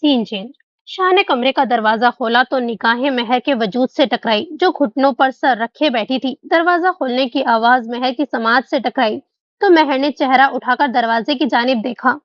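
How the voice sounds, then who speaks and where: A woman narrating an audiobook novel in a steady reading manner. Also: high-pitched, dry recording. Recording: dull dry recording.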